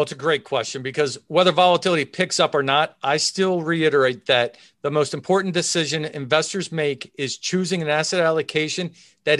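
A man's voice: fairly high pitch, fairly bright tone, no echo, clean studio sound. A man speaking as an expert interview guest, explaining things in a methodical, emphatic way. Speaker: chief investment officer, interview guest. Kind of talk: expert market commentary in interview.

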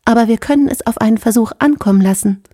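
A woman reading an audiobook, voicing an emotionless shipboard artificial intelligence in a flat, calculating manner. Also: a little high, fast talker, no room sound, studio quality, voice pushed up, lightly acted. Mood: matter-of-fact. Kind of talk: audiobook character voice.

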